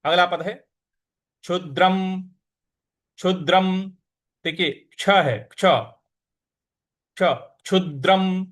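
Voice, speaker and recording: A man teaching the recitation of a sacred verse, breaking words into syllables and chanting lines slowly. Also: high-pitched, a bit bright. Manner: slow, syllable-by-syllable demonstrations with brisker explanations between; chants verses in a melodic intoned way. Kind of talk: recitation lesson.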